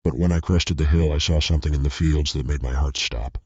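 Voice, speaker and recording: A man narrating a scripted horror story in a steady, tense way. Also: very deep voice, a little fast, husky, dry recording. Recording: dull lo-fi recording.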